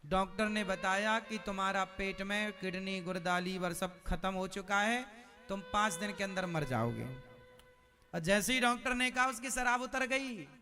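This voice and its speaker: A man's voice: sits high, unhurried, over music. A man preaching a devotional sermon, telling a moral story and putting questions straight to his audience. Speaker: spiritual preacher.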